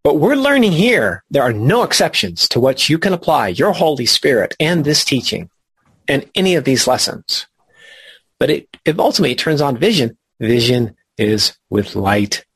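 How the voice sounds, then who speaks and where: A man leading a spiritual study group, teaching in a slow, reflective and emphatic way. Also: mid-range voice, very animated, fairly bright tone, husky, no echo.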